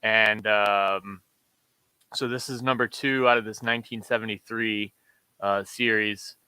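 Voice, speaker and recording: A man co-hosts a comic order show, chatting casually and relaxed, dropping lots of fillers as he shows off covers. His voice is fairly low and a little slow, with a clean tone and no echo, though the recording is rough.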